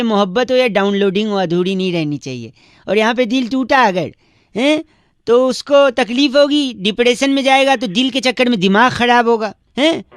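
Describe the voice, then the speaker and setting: A man's voice: extremely high pitch, fairly bright tone, clear, resonant tone, dry recording, studio quality. A man making a radio prank call, teasing the person he calls with absurd, mock-serious lectures. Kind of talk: comedic prank phone call.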